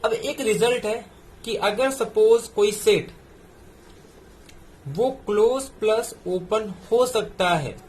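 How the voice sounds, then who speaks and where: A man's voice: high voice, slow, long pauses, a little mellow, slight background noise. A man, tutoring math step by step through exam solutions. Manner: explains step by step, mixing in English terms.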